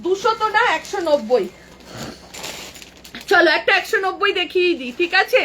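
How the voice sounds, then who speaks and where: A woman running a live clothing sale, briskly calling out prices over and over and chatting with helpers and viewers through an earbud mic. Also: very high-pitched, animated, sharp tone, a little hiss or hum. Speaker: boutique owner selling clothes live. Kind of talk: live sales patter.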